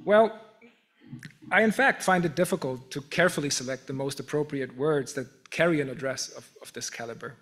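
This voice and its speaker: A man with a German accent reads a prepared acceptance speech at a measured pace, dry and self-deprecating. His voice sits a little high for a man, and he sometimes restarts a phrase. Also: fairly bright tone. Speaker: professor giving an acceptance speech. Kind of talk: formal prepared speech with humor.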